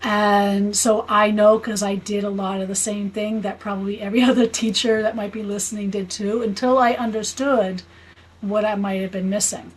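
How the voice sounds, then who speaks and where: An American woman in her fifties, a spiritual healer and teacher, is a guest in a conversational interview. She explains things earnestly and often checks for agreement, her mid-range voice level in tone at a normal speed. The recording is low quality, with slight background noise.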